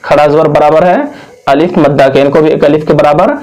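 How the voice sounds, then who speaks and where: A man from India teaching Quran reading, spelling out each word slowly and patiently, drawing out long vowels. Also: on the high side, darkish tone, poor audio. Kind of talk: slow spelled-out recitation lesson.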